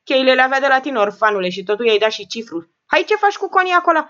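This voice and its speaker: A woman voicing a shrewd, sharp-tongued rich old woman who scolds and mocks the people around her. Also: sits high, big pitch swings, muffled recording, pitched above the performer's own voice. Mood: mocking. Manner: scolding, sarcastic, bossy.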